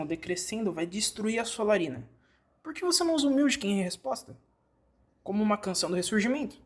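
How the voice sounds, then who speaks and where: This scripted game tutorial in Brazilian Portuguese feels like a fan dub. A medium-pitched narrator speaks directly to the learner in an instructive manner.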